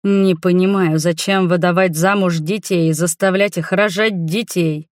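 Calm tender husband as a woman reads him, low voice, dry close sound, storybook. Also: normal speed, no room sound, close to an everyday voice. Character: gentle calm adult husband, an admiral.

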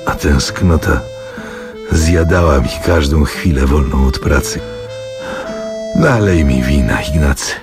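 A man's voice: a bass voice, slow pace, pauses often, full character voice. A man voicing a lonely, brooding middle-aged merchant in a radio book reading. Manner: weary, inward, confessional. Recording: radio reading with clear music behind.

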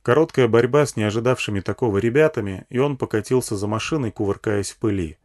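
A man's voice: fairly low pitch, quick pace, darkish tone. A man narrating a first-person post-apocalyptic audiobook in a dry, matter-of-fact way. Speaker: audiobook reader.

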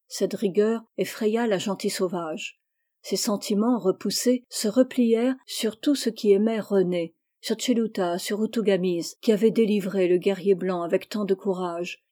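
A woman reading a classic novel aloud in a measured, unhurried way. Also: medium pitch, warm tone. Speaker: audiobook reader. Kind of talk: scripted literary narration.

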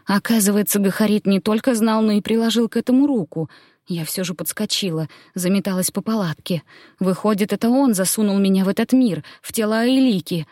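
A woman's voice: mid-range voice, a little fast, dark tone, dry recording, clean studio sound. A woman narrating an audiobook in the first person, with tense, dramatic storytelling.

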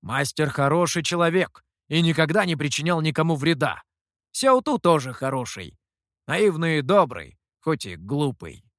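A man's voice: fairly high pitch, very animated, moderate pace, fairly bright tone, dry recording, clean studio sound. A reader voicing a stubborn male monkey lord who talks in a pompous, insistent, raised voice.

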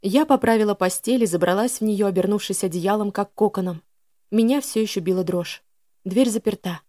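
A woman's voice: medium pitch, a little fast, mellow, no echo, studio quality. A woman narrating a first-person audiobook in an emotional, dramatic reading.

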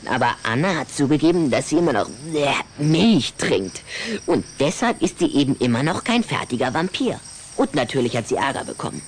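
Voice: medium pitch, big pitch swings, fairly quick, lightly acted. A performer playing a haughty young boy vampire in a radio play, reproachful and dramatic. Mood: explaining, grudging. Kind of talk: German radio play dialogue. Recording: faint background noise.

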